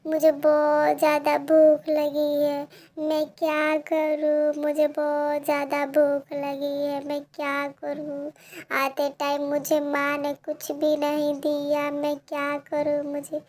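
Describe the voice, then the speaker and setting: A woman's voice: sits high, monotone, takes it slowly, a little hiss or hum. A woman voicing a poor, tearful young girl who pleads in a cartoon story. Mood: tearful pleading. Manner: pleading, whimpering.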